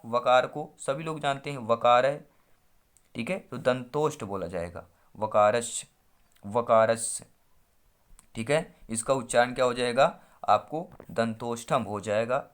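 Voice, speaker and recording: A man's voice: mid-range voice, a bit bright, clear, resonant tone. Man teaching an exam-prep lesson. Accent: Hindi-speaking India. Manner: quizzing, drawing out syllables as he works through answers.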